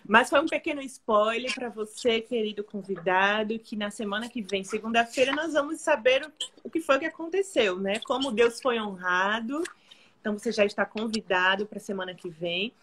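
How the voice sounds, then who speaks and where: A woman's voice: a little high, moderate pace, fairly bright tone. A Brazilian woman hosting a live church study, giving brief agreeing replies and speaking straight to viewers. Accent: Brazilian Portuguese. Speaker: host.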